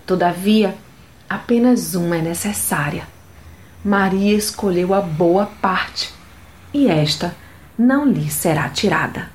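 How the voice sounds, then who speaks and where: Gentle patient male teacher, calm, measured, read by a woman. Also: lowish voice.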